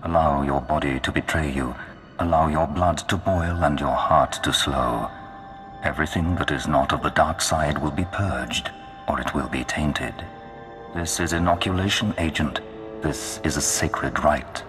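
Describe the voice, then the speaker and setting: A menacing Sith dark lord in a video game, with an extremely low voice. He speaks with slow, grandiose command. Long reverb surrounds him and music plays clearly behind. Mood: solemn, commanding. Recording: long hall reverb under loud music.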